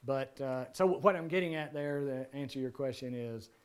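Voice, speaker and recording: A man at mid pitch leads a seminar in an easygoing, rambling way and tosses in dry jokes. His voice is wearing thin and slightly hoarse from long talking. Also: normal speed. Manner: relaxed, joking, rambling. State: losing his voice. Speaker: seminar presenter. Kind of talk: casual seminar talk answering questions. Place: seminar room.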